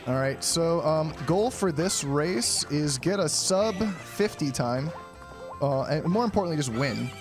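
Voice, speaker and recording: Lively higher-voiced man doing speedrun commentary. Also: a little slow, over music. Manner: casual, explanatory asides to viewers, frequent throat clearing. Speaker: speedrunner streaming a game challenge. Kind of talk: speedrunner's live gameplay commentary, explaining each step.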